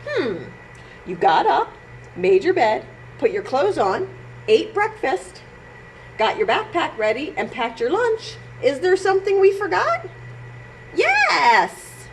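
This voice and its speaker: Speaking slowly in a high voice, a woman leads a library storytime, talking playfully to the children, reading aloud and singing with them. She's animated, and the recording is low-quality with noise.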